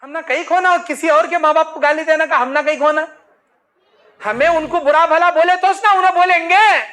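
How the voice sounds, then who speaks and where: A man's voice: very high voice, fairly even intonation, normal speed, sharp tone. A male preacher giving an emphatic, repetitive sermon and acting out the people he talks about.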